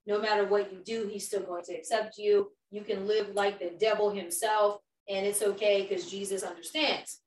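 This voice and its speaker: A woman's voice: mid-range voice, level tone, normal speed, few pauses, a little mellow. A woman leading an informal youth group talk, preaching emphatically and putting questions to the group. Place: indoor room with a small group around a table. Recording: roomy, distant mic, faint background noise.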